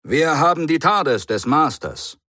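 A man's voice: a little high, animated, a little slow, bright, forceful tone, no echo, clean studio sound, voice pushed up, full character voice. A man voicing a stiff, dutiful middle-aged military brigadier who speaks in a clipped, formal, commanding way.

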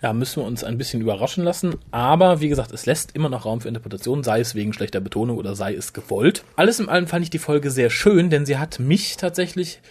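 A man's voice: medium pitch, quick pace, hardly any pauses, breathy edge. A man co-hosting a casual chat, reviewing a TV episode and joking as he goes. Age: adult, recalls being twelve long ago. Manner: joking, animated, quotes scenes in put-on voices. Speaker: podcast co-host.

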